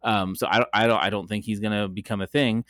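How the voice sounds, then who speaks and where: A man's voice: lowish voice, steady tone, quick pace, fairly bright tone, no echo. Chatty man with a dry sound. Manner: chatty, frequent ums and restarts, laughs often. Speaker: podcast co-host. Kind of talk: casual sports chat.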